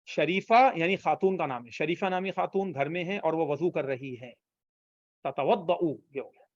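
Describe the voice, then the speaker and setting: A man's voice: a little high, no room sound, lo-fi sound. A man teaching an online language class, patiently repeating phrases for students to copy. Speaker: Arabic teacher.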